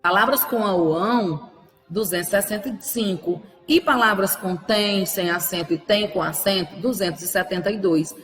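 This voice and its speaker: A woman's voice: medium pitch, normal speed, a bit bright, roomy sound, long reverb tail, faint music behind. A woman teacher with a Brazilian Portuguese accent, giving a patient, didactic grammar lesson to children and asking rhetorical questions. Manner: affectionate, uses diminutives with pupils. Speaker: primary school teacher.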